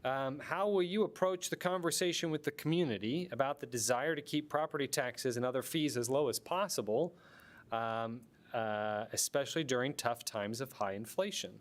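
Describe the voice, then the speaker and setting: A man's voice: medium pitch, normal speed. A man moderating a candidate forum, reading out questions and voting reminders with a few fillers. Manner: reads questions and announcements with fillers.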